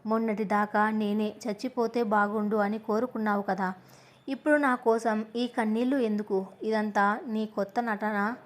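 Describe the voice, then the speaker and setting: A woman's voice: medium pitch, fairly even intonation, moderate pace, close to an everyday voice. A woman voicing a harsh, sarcastic young police officer.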